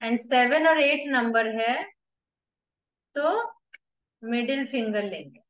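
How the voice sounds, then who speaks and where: A woman with an Indian accent teaches a lesson, her voice set high and her delivery unhurried as she walks through each step. The sound is roomy with a noticeable echo and a somewhat dull, muffled quality. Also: fairly bright tone. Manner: explains step by step, mixing Hindi and English, slow and deliberate. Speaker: acupressure teacher. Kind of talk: whiteboard lesson. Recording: echoey room, slightly dull.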